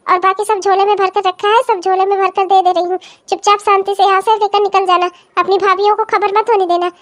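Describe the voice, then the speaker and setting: A woman's voice: very high voice, flat delivery, brisk. A woman voicing a scheming older mother-in-law in a cartoon comedy, bossy and scolding toward her daughters-in-law and doting toward her own daughters.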